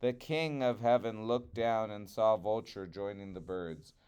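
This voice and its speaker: Male storyteller for children's trickster fables: smooth, unhurried, dramatic delivery. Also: lowish voice, darkish tone. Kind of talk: expressive children's storybook narration.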